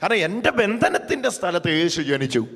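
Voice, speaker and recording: A man's voice: high voice, big pitch swings, brisk, a bit bright, breathy edge. A male preacher delivering a fervent sermon, repeating phrases and calling on the congregation to respond. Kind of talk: sermon, Malayalam with English phrases. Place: church hall. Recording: reverberant church hall with music.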